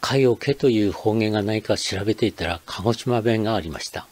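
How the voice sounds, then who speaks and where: Older man, low voice, measured scripted narration for a dialect lesson video. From Akita, Japan. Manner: measured, explanatory reading. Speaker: channel host.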